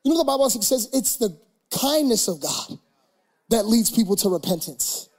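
Young male preacher, husky, comic storyteller who ramps up to shouting. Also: very high-pitched, expressive, moderate pace. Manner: humorous, builds to loud shouted preaching. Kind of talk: sermon with storytelling.

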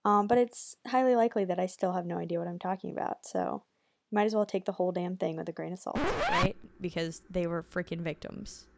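A woman's voice: on the low side, creaky, noisy background. A woman co-hosting a casual recap chat, rambling and correcting herself as she goes. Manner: rambling, self-correcting, quick asides. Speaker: podcast co-host.

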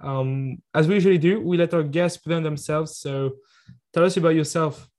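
A man's voice: on the high side, normal speed, darkish tone. A man co-hosting a casual podcast interview, asking questions hesitantly with fillers. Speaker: podcast co-host.

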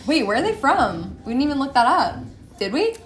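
A woman's voice: high-pitched, big pitch swings, brisk. A young woman co-hosting a casual cider tasting chat, upbeat and giggly. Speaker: co-host of a cider tasting show. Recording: roomy echo.

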